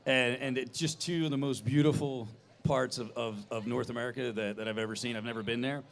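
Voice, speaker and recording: Male guest, Philadelphia accent, mid pitch with heavy vocal fry, casual chat. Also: steady tone, brisk. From Philadelphia area, US. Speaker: guest, business co-owner.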